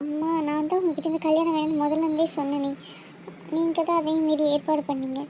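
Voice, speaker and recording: Actress as a young bride-to-be, high-pitched, pleading and defensive. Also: female voice, flat delivery, fast, warm tone, a little hiss or hum, lightly acted. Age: young adult. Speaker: daughter.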